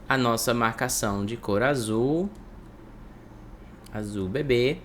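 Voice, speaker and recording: A man teaching English to Portuguese speakers, breaking phrases into slow drills and repeating words for the listener. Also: medium pitch, fairly bright tone, slight background noise.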